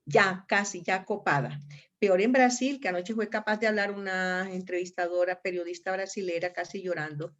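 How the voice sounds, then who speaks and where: A woman's voice: on the low side, fairly even intonation, normal speed. A woman with a Colombian accent, a law professor giving an online lecture, addressing her students directly and often repeating herself. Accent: Colombian Spanish. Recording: dull lo-fi audio.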